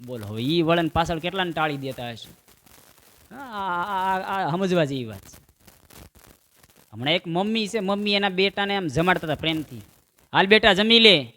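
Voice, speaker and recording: A man tells folk comedy tales and slips into the voices of his characters. His voice sits high and carries a bright, forceful edge. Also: moderate pace. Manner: animated joke-telling, acts out quoted voices. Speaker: stand-up comedian. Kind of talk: Gujarati folk comedy storytelling.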